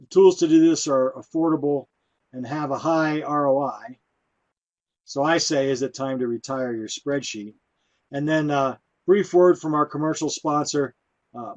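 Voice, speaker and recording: Man, conference talk, casual, filler-heavy, higher-pitched. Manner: relaxed, conversational, many fillers. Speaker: conference presenter.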